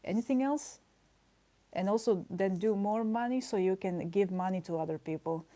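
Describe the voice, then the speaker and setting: A woman with a mellow, medium-pitched voice talks at a moderate pace as she livestreams herself drawing. She chats casually with viewers, wandering into playful asides. She laughs a lot and teases her chat with mock indignation.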